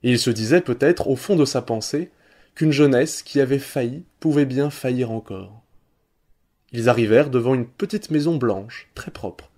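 A man reading a literary story aloud with measured, expressive narration. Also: mid-range voice.

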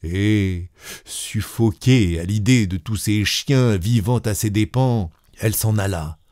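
A man reading a classic short story aloud in a measured, deliberate manner. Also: lowish voice, a little mellow, no room sound, studio quality. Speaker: narrator.

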